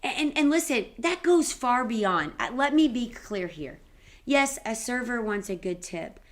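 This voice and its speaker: A woman's voice: a little high, a little slow. A woman who is a pastor, chatting emphatically in a casual devotional talk. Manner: animated, emphatic, affirming interjections.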